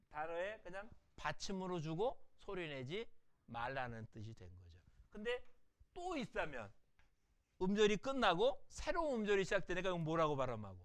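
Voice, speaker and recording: A middle-aged man giving a recorded language lecture, patiently explaining and answering his own rhetorical questions. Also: a little high. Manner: repeats example words slowly and softly.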